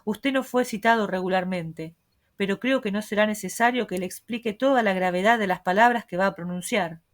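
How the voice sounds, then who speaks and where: A woman reading the lines of a stern male court president, speaking gravely and with a threatening edge. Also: mid-range voice, a little fast, lightly acted. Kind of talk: audiobook reading.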